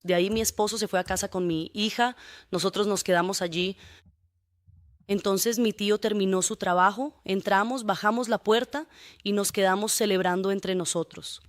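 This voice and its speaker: A woman's voice: mid-range voice, fairly even intonation, normal speed, dry recording, studio quality. A woman testifying as a defendant in court, giving a long, detailed account and often adding tag questions.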